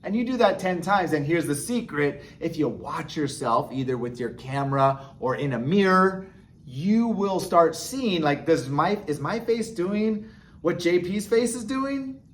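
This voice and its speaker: A man's voice: a little high, sing-song, measured pace. Chatty man teaching, always checking "okay?". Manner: encouraging, chatty, frequent "okay?" and "right?" checks. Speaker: sign language teacher. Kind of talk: casual instructional explanation.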